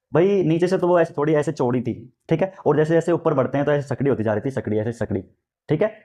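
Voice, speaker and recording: A male math teacher who explains things in a relaxed, conversational way. His voice sits a little above the usual male range, and he goes over each step again while checking that his students follow. He often asks questions and then answers them himself. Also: fairly high pitch. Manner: conversational, checks understanding with frequent "ठीक है?"; repeats steps and asks the listener questions. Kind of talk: classroom lesson.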